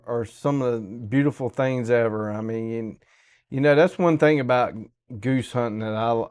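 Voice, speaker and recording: A man's voice: medium pitch, darkish tone, smooth. A man with a Southern US accent hosting a podcast, chatting casually in a folksy, colloquial way. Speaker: podcast host.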